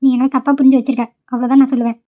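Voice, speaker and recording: A woman's voice: high-pitched, little pitch movement, very fast, narrow, tinny audio, lightly acted. A woman voicing caring young female college students in a homemade cartoon, coaxing and pleading with a friend. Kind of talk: amateur cartoon voice acting.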